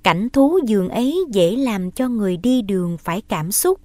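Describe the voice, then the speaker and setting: A woman's voice: mid-range voice, normal speed, no room sound. A woman reading a novel aloud as an audiobook narrator, telling the story steadily. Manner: steady storytelling, lifting voice for dialogue.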